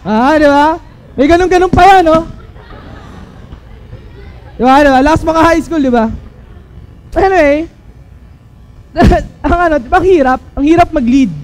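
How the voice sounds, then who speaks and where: A man's voice: very high voice, a little mellow, rough recording. A man from the Philippines giving a youth sermon in a playful, chatty way, often checking in with his audience. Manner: playful, keeps asking the audience to agree. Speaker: youth speaker.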